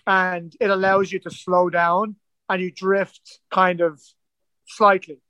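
Irish man with a high voice and a dry close sound, a guest telling a story in a loose, rambling way. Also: flat delivery, takes it slowly, pushed and bright, no room sound, dull audio. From Ireland. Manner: rambling, full of "like" and "kinda" fillers. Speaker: guest, ocean rower. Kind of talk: casual storytelling interview.

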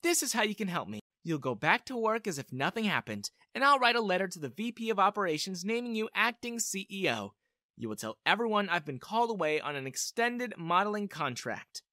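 Pitched above the performer's own voice, this mid-range, brisk, bright and forceful delivery swings widely in pitch, clean studio audio with no echo. It voices an earnest female Russian spy seeking shelter in audiobook-style dialogue, urgent, businesslike, pleading and resolute.

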